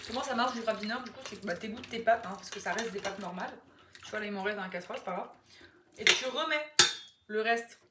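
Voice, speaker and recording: A woman's voice: mid-range voice, fast. A young woman from Quebec whose accent shifts between French and Québécois, chatting and swearing casually while she cooks in her home kitchen. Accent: mixes French and Québécois accents. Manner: chatty, rambling, swears freely. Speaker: vlogger. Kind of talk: casual chat while cooking. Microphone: phone camera. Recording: echoey room with steady background noise.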